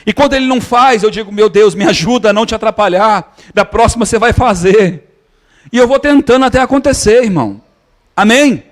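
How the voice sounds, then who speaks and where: A man preaches with a notably high-pitched voice. He tells his story conversationally and keeps calling his listeners brothers, as a pastor in a sermon. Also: fairly quick.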